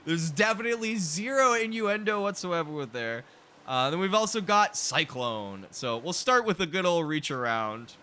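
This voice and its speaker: A man doing casual, excitable gameplay commentary, joking and swearing freely as he tours his theme park. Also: fairly high pitch, normal speed, clear, resonant tone. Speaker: streamer showing a theme park build.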